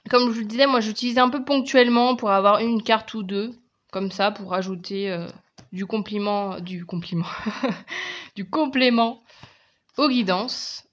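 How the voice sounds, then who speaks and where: A woman's voice: fairly high pitch, moderate pace, a bit bright, dull audio. French woman showing off oracle cards, casual vlog chat, lots of euh and restarts. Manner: chatty, hesitant, lots of fillers and restarts. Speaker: tarot and oracle card reviewer. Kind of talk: casual video presentation.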